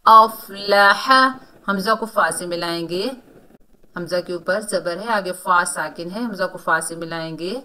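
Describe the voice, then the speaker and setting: A woman teaching Quran recitation rules, explaining each sound and then reciting words slowly. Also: on the low side, sharp tone. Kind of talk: tajweed lesson, explaining and reciting.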